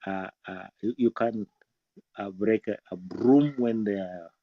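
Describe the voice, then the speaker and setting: A man talks in a halting way, stumbling through restarts and fillers as he shares thoughts in a group discussion. His voice sounds muffled and slightly dull, and it is dry and close with no room sound, as if coming through a video call. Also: fairly low pitch, no echo. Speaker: guest speaker.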